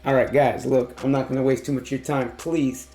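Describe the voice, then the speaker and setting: A man with a hoarse, tired voice giving a casual, excited music reaction in slangy, emphatic talk. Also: medium pitch. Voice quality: hoarse, worn-out voice from losing it. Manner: slangy, emphatic, drawn-out exclamations. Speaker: music reaction video host.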